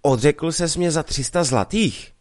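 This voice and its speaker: A man's voice: on the high side, no room sound, clean studio sound, voice pushed up, close to an everyday voice. A man reading a story aloud, voicing a proud young village woman in a raised, reproachful voice. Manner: reproachful, indignant.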